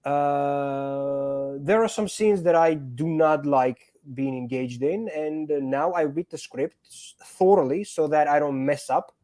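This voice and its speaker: Male actor guest, from Georgia by way of Greece, slightly high voice, earnest and repetitive in casual chat. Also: takes it slowly, warm tone. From born in Georgia, raised in Greece. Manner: earnest, repeats words while finding phrasing.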